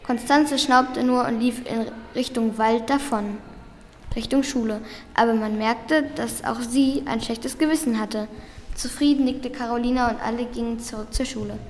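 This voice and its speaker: A woman's voice: fairly high pitch, fairly even intonation, moderate pace. A woman carefully reading a diary-style story aloud, with small slips. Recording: roomy recording with long reverb and faint background noise.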